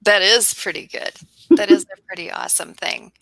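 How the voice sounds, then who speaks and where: Gravelly, bright-voiced woman co-host. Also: mid-range voice, normal speed, no room sound, poor audio. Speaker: podcast co-host. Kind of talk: casual chat.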